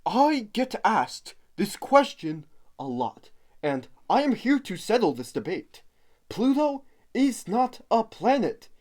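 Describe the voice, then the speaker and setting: A man voicing a pompous, know-it-all male bison scientist puppet who speaks with solemn, deadpan grandeur. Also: sits high, slow pace, voice pushed up, heavily acted. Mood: mock-solemn. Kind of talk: puppet comedy sketch.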